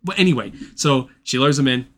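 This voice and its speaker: A man's voice: mid-range voice, expressive, fairly quick, fairly bright tone, slight background noise. Profane rambling man retelling a movie. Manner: profane, rambling plot recap. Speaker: podcast co-host. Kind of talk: casual chat.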